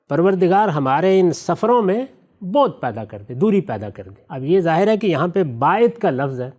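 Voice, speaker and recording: A male religious scholar with a fairly high voice that rises and falls in lively arcs. He lays out his points methodically, one worked example at a time, and slows right down to recite verses with care. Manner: recites scripture verses slowly and deliberately. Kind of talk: explanatory discussion answering questions.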